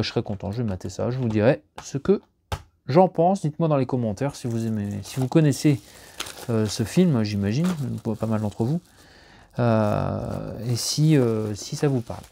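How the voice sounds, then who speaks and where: This time the disc unboxing at home comes with a creaky voice at normal speed, plus a little hiss or hum in the background. He chats loosely, rambling with lots of fillers and restarts, and his pitch leaps whenever excitement hits.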